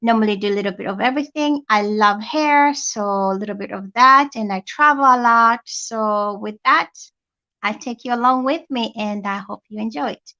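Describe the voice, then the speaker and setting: A woman's voice: on the high side, normal speed, pushed and bright, muffled recording. A woman from Tanzania, a healthcare assistant and guest, speaking in a casual interview, chatty and plain.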